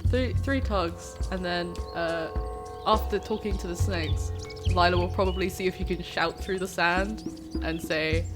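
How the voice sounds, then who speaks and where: A woman's voice: fairly low pitch, fairly even intonation, unhurried, music in the background. A woman playing a tabletop role-playing game, chatting casually as a player.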